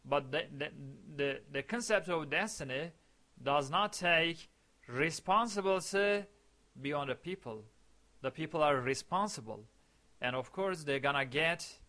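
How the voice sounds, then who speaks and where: A man from eastern Turkey tells a personal anecdote in English, speaking slowly in a bright, rather high voice. He's deliberate, repeating phrases as he searches for words.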